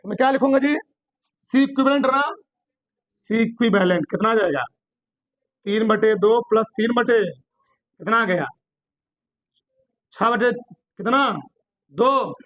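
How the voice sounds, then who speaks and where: A man a very high voice teaches physics in a classroom. He keeps asking his students questions and gently scolds them as he works. The sound is dry and close, no room echo. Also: measured pace, pauses often. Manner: drills students with repeated questions, scolds lightly. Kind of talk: classroom lesson solving problems on a board.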